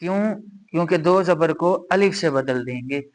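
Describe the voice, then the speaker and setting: A man with a Pakistani Urdu accent gives a recitation lesson. His voice sits a little high, and he talks very slowly. He repeats the rules step by step and draws out the Arabic examples. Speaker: Quran recitation teacher. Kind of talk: slow explanatory lesson.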